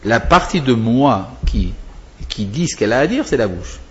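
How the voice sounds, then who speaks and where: Man, religious teacher, explanatory talk, digressive, asks himself questions, mid pitch. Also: very animated, normal speed, highs cut off. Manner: digressive, asks and answers his own questions.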